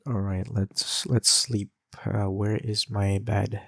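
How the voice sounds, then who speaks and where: A young Indonesian-accented man hosts a gaming channel, chatting loosely as he plays and rambling with lots of fillers and restarts. His voice is lowish and gravelly with a breathy edge, delivered flatly at a slow pace.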